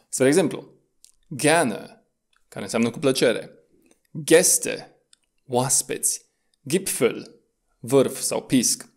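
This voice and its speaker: A young man and Romanian native speaker teaching pronunciation, patient and clear, stressing each example word. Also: mid-range voice, darkish tone. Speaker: language teacher. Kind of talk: explaining German pronunciation.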